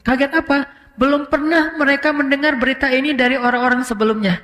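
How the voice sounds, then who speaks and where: A male preacher tells a story in a relaxed, chatty sermon style. He slips English words into his speech. His voice sits very high for a man, and it trails off into a long hall echo. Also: quick pace. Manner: conversational, mixing in English words, animated retelling.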